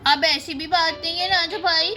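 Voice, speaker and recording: A woman's voice: very high-pitched, fairly even intonation, normal speed, pushed and bright, faint music behind. A woman voicing a spoiled younger sister who pouts and demands birthday gifts in a doll-play story. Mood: grateful. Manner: pouting, demanding.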